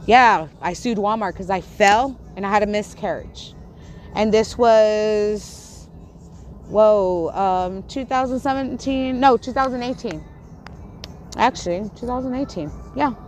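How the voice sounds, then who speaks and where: A woman YouTuber from Texas, speaking a little slowly at medium pitch, rants angrily at her livestream chat amid slight background noise. She stutters and lisps, curses, and keeps repeating and restarting sentences in a confrontational tone.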